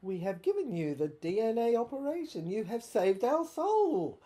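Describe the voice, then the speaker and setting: Pitched a little high with big swings and a warm tone, a woman acts out an audio drama monologue as a haunted, obsessive inventor locked up by soldiers. She stammers, rambles and repeats herself theatrically, sounding impish and exalted.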